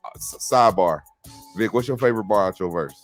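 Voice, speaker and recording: A man's voice: fairly low pitch, fast talker, faint music behind. A man hosting a fantasy football podcast in loose, hyped, profane casual chat. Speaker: podcast host.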